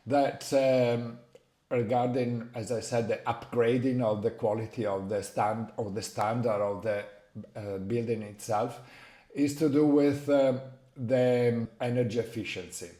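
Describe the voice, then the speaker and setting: A man from Italy with an Italian accent, a native Italian speaker explaining his work as an interview guest and often pausing to search for words. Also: mid-range voice, steady tone, darkish tone. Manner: halting, searching for words, frequent hesitations. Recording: roomy, echoing sound.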